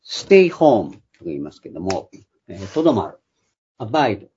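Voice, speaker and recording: A man's voice: on the low side, very animated, brisk, mellow, slightly rough. An older man giving a Bible study lecture, explaining patiently with frequent hesitant fillers, in a dull lo-fi recording. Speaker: Bible teacher.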